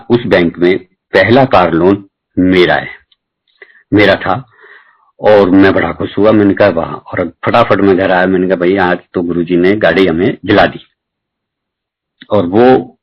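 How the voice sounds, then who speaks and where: Low-voiced man telling a devotional story. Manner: chatty, acts out both sides of conversations. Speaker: devotee sharing a testimony. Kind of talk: storytelling testimony at a satsang. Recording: dull lo-fi recording.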